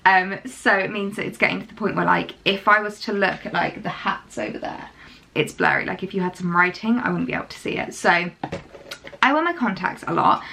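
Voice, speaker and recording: Croaky, chatty young British woman. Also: mid-range voice, fairly bright tone. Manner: chatty, many ums and likes. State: a bit croaky from early morning. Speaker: fashion influencer vlogger. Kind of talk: casual chatty sponsored vlog.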